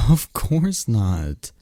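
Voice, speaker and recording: A young man with a voice on the low side performs a scripted ASMR roleplay as a close friend. He chats animatedly in a one-sided conversation with someone the listener never hears, and the recording is dry.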